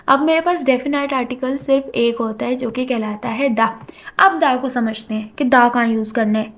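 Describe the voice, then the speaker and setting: A woman gives a classroom grammar lecture, explaining things step by step and mixing English terms into her speech. Her voice sits high and sounds a bit bright.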